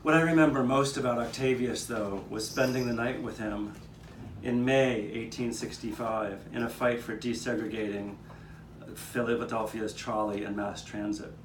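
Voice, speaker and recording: This man's voice sits at medium pitch, with fairly even intonation and a moderate pace. As narrator of a live courtyard puppet show, he tells history in the first person as a neighborhood eyewitness, captured in a distant, roomy, noisy outdoor recording.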